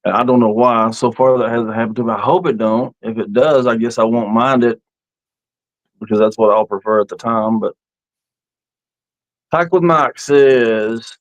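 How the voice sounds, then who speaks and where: On an outdoor live stream, a man in his fifties talks casually about camping, telling stories in a rambling, folksy manner. His mid-range voice moves at normal speed with fairly even intonation. There's no echo, though the recording sounds muffled.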